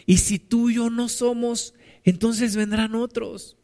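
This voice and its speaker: A man preaching a sermon as a pastor, dropping to a hush and then rising loud. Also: extremely high pitch, steady tone, slow. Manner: dramatic, swings between hushed and loud.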